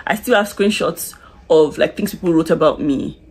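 Low-pitched and slightly rough, this woman in her twenties talks at a moderate pace while putting on makeup. As a beauty vlogger filming a casual get-ready-with-me chat in a small room with curtains, she confides in the close front-facing camera, peppering her talk with "like" and restarts.

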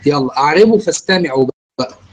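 A man with an Egyptian Arabic accent, his voice sitting a little high. He teaches a grammar class patiently, step by step. He keeps turning to his students with questions. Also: expressive, fast, rough recording. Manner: explains step by step, quizzing students. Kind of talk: online grammar lesson.

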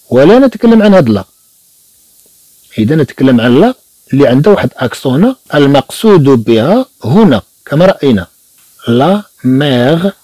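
A Moroccan man teaching beginner French, slowly repeating each phrase and explaining it in Moroccan Arabic. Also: fairly high pitch, warm tone, no echo. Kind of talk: slow classroom explanation with repetition.

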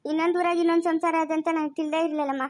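A woman's voice: very high-pitched, little pitch movement, racing. A woman voicing a betrayed middle-aged wife and mother who speaks in a curt, bitter, scolding way. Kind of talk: amateur family drama acting.

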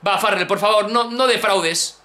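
Young Spanish man, bright sharp tone, animated gaming commentary in an echoey room. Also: high voice, moderate pace. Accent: Peninsular Spanish. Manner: excitable, exclaims and repeats phrases, addresses viewers. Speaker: gaming YouTuber. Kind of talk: excited let's-play commentary.

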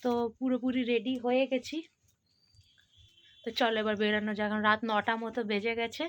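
A woman's voice: fairly high pitch, fairly even intonation, fairly quick, fairly bright tone. A young woman chatting casually to her viewers in a home vlog, addressing them as friends. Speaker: vlogger. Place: home indoors.

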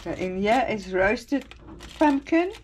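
A woman's voice: a little high, lively intonation, slow pace, darkish tone, a little hiss or hum. A woman chatting casually and teasingly on a sailing catamaran at sea, laughing often. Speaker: sailing vlogger. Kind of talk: casual chat.

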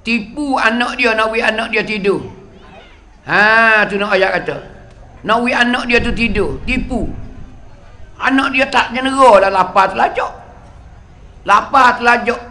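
A man's voice: sits high, measured pace, long pauses, bright, forceful tone. A male religious teacher with a Kelantan-Patani Malay accent, telling a story in a sermon and acting out the scenes with sound words.

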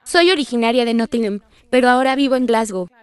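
Smooth-voiced young woman contestant. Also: fairly high pitch, fast, dry recording. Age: 20s. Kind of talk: dubbed television talk.

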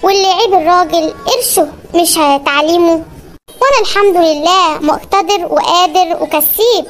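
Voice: very high voice, a bit bright. A performer voicing a persistent young suitor in a comedy cartoon, pleading and boastful in Egyptian Arabic. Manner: pleading, boastful, chipmunk-fast. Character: persistent young man suitor, tuk-tuk driver.

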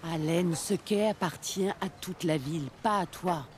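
A woman's voice: on the low side, a little slow, darkish tone, slight background noise, close to an everyday voice. An actress voicing a firm woman who leads a harbor town in a video game, giving orders with authority. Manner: firm, commanding. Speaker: game character.

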